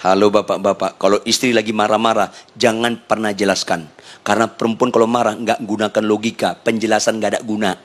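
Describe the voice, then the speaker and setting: A man who is a pastor and theology lecturer, preaching a sermon with humorous anecdotes and conversational asides, often dropping to soft, low tones for emphasis. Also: level tone, a little fast.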